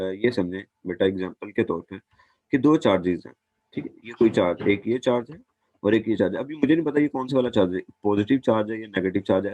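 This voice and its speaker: A man explains physics in a patient classroom lecture, going over each step more than once. His voice sits low. The sound is dry, with no room echo. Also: a little mellow, muffled recording. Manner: patient, repeats points, calls students "beta". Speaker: physics teacher.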